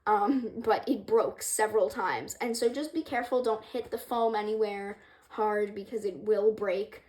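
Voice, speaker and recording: A woman's voice: mid-range voice, fairly even intonation, a little slow, darkish tone. A young woman casually explaining a craft project, rambling and hesitant with many ums, apologizing for her stuttering, in a room with a wooden floor. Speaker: craft creator. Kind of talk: casual tutorial vlog.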